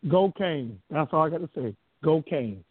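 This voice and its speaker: A man's voice: fairly high pitch, expressive, moderate pace, slightly rough, dry recording. A man from Florida calling in over the phone, brief and upbeat. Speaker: caller. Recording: tinny phone line from far off the mic.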